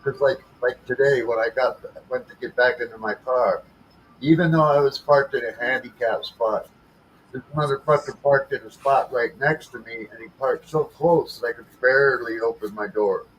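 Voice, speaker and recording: A man's voice: medium pitch, normal speed, fairly bright tone, highs cut off, slight background noise. Blunt, swearing man chatting on a livestream. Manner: blunt, heavy swearing, frustrated. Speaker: livestream host. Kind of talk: casual livestream chat.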